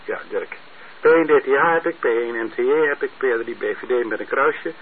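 A man's voice: mid-range voice, fairly quick. Man on a tinny two-way radio. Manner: reads out call signs, hesitant with many fillers. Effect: voice heard over a two-way radio transmission. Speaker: amateur radio net controller. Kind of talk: running a radio net check-in. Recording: narrow tinny radio with faint hiss.

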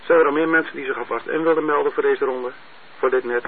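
A man's voice: mid-range voice, fairly even intonation, fast talker. A man heard over a two-way radio transmission, running an amateur radio net and reading out call signs with many hesitant fillers. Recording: narrow tinny radio with faint hiss.

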